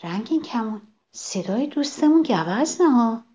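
A woman voicing a gentle, patient turtle in a children's story, speaking kindly and reassuringly. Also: on the high side, very animated. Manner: kind and reassuring.

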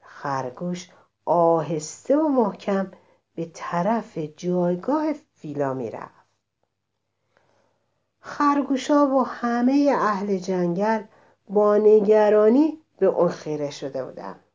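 Female storyteller for children, expressive read-aloud narration, middle pitch. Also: dull audio.

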